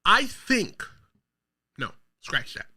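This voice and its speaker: A man from the Bronx hosts his own wrestling commentary show, addressing viewers directly with emphatic hot takes. His high voice is very animated, bright and forceful with a breathy edge, yet he speaks very slowly.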